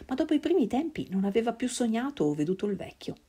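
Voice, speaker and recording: A woman reading a literary novel aloud in a measured, solemn way. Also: on the high side, very animated, warm tone, slightly rough. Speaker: reader.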